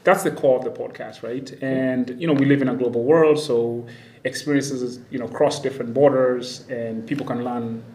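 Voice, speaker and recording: An upbeat man hosting a podcast in a casual interview. He laughs often and leans on fillers as he talks. His voice sits at an ordinary pitch, and the room around him is echoey. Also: fairly even intonation, moderate pace, mellow, a little hiss or hum. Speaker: podcast host.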